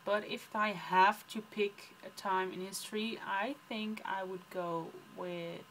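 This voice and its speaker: Her tone is steady and a bit bright, her pitch medium, her pace a little slow. She's a young Dutch woman with a Dutch accent chatting casually through a book vlog tag, rambling with many ums, on a rough recording with slight background noise.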